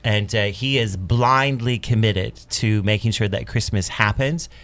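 A man's voice: on the low side, measured pace, fairly bright tone. A man on a radio show as a guest actor, talking hesitantly in a studio. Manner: hesitant, rambling. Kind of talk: radio interview.

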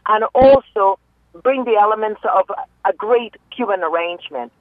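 This phone interview features a woman from Peru, a musician guest whose Peruvian Spanish accent colors her mid-range voice at a normal pace. Lively and full of easy laughter, she jokes around. The telephone sound is tinny but free of room sound.

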